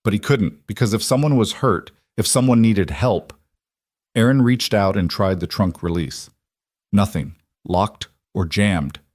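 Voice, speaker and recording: A man narrating a scripted story in an even, measured way. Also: fairly low pitch, no echo, clean studio sound.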